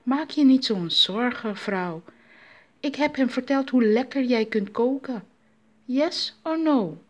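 A woman's voice: a little high, lively intonation, slow pace, voice pushed up. A woman voicing a sly, boastful male spider trickster in a storybook tale, with a cheeky, jokey way of talking.

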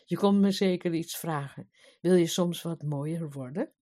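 A woman voicing a calm, kindly old aunt from a storybook. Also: low voice, a little slow. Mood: knowing.

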